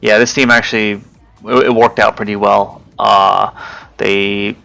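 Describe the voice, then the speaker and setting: A man with a lowish, gravelly voice talks through his gameplay in a loose, casual way. His tone is bright and forceful, though his delivery is hesitant, full of fillers and half-remembered names. Faint game music plays behind him. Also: little pitch movement, measured pace. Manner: hesitant, many fillers, loses track of names. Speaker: gaming video creator.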